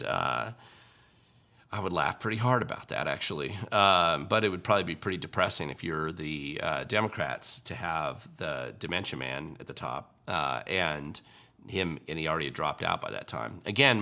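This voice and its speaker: Deep gravelly man hosting a livestream. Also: bright, forceful tone. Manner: conversational, frequent ums and restarts, wry. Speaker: livestream host answering viewer questions. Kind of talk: casual political commentary livestream.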